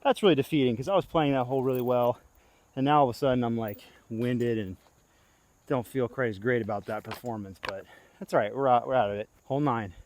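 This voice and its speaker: Young male vlogger outdoors, casual play-by-play, out of breath, jumps to excited yelps at his throws, mid-pitch voice. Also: fast. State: winded and tired. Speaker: disc golf vlogger. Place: outdoor disc golf course.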